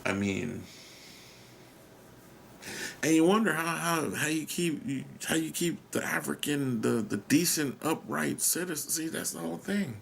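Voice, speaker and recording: On this podcast, an American man talks alone in a somewhat high, expressive voice that runs a little slow and has vocal fry. Slight background noise sits behind his musing, self-questioning ramble, which trails off and now and then drops to a whisper with casual swearing.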